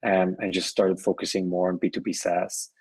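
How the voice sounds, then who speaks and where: Speaking as a podcast guest, the middle-aged man, who invests in ventures and comes from Switzerland and Colombia, keeps his low voice slightly rough and at normal speed, with little change in pitch. His easygoing talk is dotted with restarts and repeated words, captured in a dry recording.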